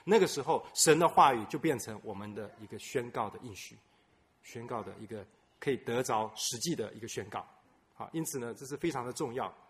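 A man's voice: lively intonation, fairly quick. Man preaching with surging, dropping volume. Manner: swings between loud emphatic bursts and soft low asides; repeats phrases for emphasis, with frequent fillers. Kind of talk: sermon.

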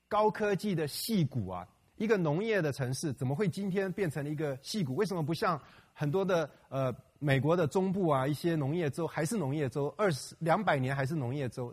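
Middle-aged male pastor, husky, chatty church-talk delivery with lots of fillers. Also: fairly high pitch. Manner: conversational, with many fillers and rhetorical questions. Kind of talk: church talk on local history and prayer.

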